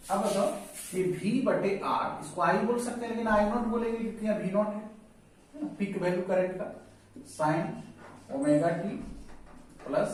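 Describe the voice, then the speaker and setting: A man's voice: high-pitched, darkish tone. A man teaching physics, repeating key terms and quizzing his students. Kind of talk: whiteboard lecture. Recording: echoey room, voice from far off.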